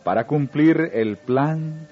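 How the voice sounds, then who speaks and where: A man reading a religious story aloud in a slow, solemn narrating manner. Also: fairly high pitch, warm tone. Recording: dull lo-fi recording with faint music.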